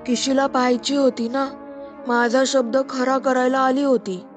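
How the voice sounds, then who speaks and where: Woman storyteller with a high voice, measured and suspenseful over soft music. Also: level tone. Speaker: storyteller and podcast host. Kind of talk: scripted story narration.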